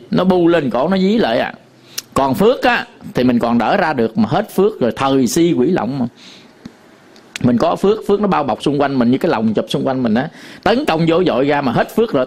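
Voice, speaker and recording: A man with a Southern Vietnamese accent, a Buddhist monk giving a dharma talk to an audience, telling stories with many fillers and repetitions. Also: fairly high pitch.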